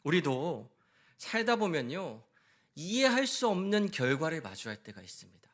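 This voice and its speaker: Male pastor, sermon, high voice, animated, hushed to raised. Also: normal speed. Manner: addresses the congregation directly.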